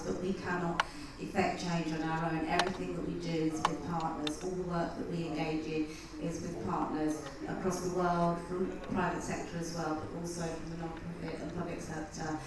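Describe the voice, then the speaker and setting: A woman's voice: on the low side, little pitch movement, normal speed, hardly any pauses, far from the mic, a crowd in the background. A woman moderating a conference panel, introducing a guest with frequent hesitations. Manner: hesitant, many ums. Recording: echoey hall mic with room noise.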